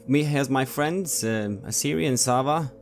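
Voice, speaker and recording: A man's voice: mid-range voice, a little slow, a little hiss or hum. A man playing his character in a tabletop game, earnest and hesitant with many fillers. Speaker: player. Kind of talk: in-character tabletop role-play. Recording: faint music behind.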